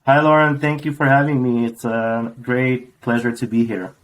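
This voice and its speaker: A man's voice: medium pitch, little pitch movement, poor audio. Thoughtful Romanian-born man guest. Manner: thoughtful, unhurried, many ums. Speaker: podcast guest. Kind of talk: casual interview.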